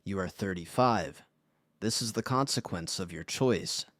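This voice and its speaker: A man's voice: sits low, measured pace, fairly bright tone, no echo, studio quality. A man voicing a lung specialist who delivers grim news in a firm, final, clinical way. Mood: grave. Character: stern male lung doctor giving grim news.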